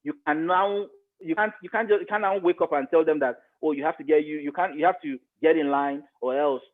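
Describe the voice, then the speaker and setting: Heard through a thin, radio-style phone line, a middle-aged man with a Nigerian accent comments as a media expert guest. He talks a little fast in a voice on the high side, repeating himself forcefully to drive points home.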